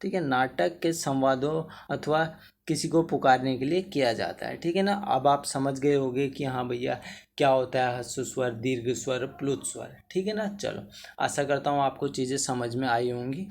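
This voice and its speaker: At a moderate pace, a mid-range male voice with vocal fry explains Hindi grammar for exam preparation, a little hiss or hum audible underneath. Calling students bhaiya, he asks "theek hai na" repeatedly and lengthens vowels as a demonstration.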